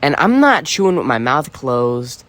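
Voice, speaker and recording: A man's voice: mid-range voice, very animated, unhurried, fairly bright tone, no echo. A man talking in a loose, rambling solo monologue, swearing freely and leaning on "you know" fillers. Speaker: podcast host.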